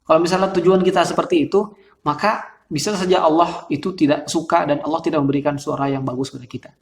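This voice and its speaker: A man's voice: fairly high pitch, steady tone, fast talker. A male host, talking casually and chattily about vocal character with frequent laughs and fillers. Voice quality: describes his voice as thin and reedy. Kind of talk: casual explanatory talk. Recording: roomy echo.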